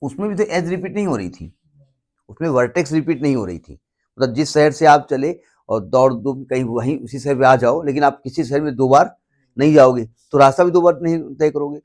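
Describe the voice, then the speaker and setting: A man's voice: medium pitch, brisk, a little mellow. Chatty male maths teacher. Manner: chatty, repeats points, mixes in English terms; stops often to check that students understand. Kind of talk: classroom lecture.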